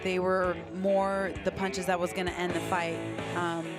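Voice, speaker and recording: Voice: mid-range voice, little pitch movement, measured pace. A fight analyst giving conversational live color commentary. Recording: loud crowd and music behind. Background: roaring crowd, music.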